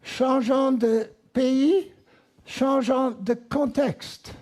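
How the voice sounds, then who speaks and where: A man's voice: very high voice, fairly even intonation, extremely slow, a little mellow. A man with an American accent preaching a sermon, repeating key words for emphasis. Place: church.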